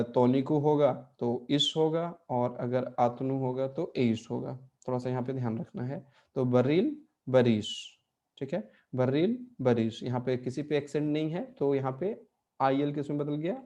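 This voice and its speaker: Male teacher, mellow voice, patient explaining, checks in often. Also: mid-range voice, lo-fi sound. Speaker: Portuguese language teacher. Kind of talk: online language lesson.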